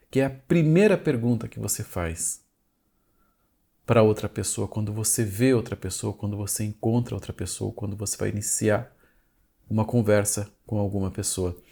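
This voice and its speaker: A man's voice: fairly low pitch, creaky, dark tone, breathy edge. A man, a family communication educator, talks straight to the viewer in short, repeated phrases. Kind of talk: direct-to-camera explanatory talk.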